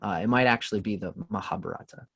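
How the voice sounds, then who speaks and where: A man on a podcast, calmly telling a spiritual story in an unhurried, reflective way. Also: on the low side, gravelly, breathy edge, dry recording. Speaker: podcast guest. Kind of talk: casual storytelling in conversation.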